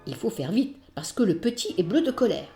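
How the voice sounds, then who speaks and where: Woman, storybook narration, expressive, animated pitch, soft music behind. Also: a little fast. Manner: lively, expressive. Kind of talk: children's storybook reading.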